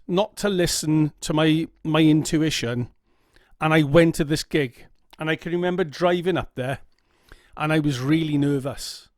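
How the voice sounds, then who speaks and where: Earnest and open, a middle-aged vlogger from Wales speaks in a Welsh accent, telling his own story to camera and checking in with "okay?" again and again. The voice is fairly high, and the camera mic delivers a dry recording with clean studio sound.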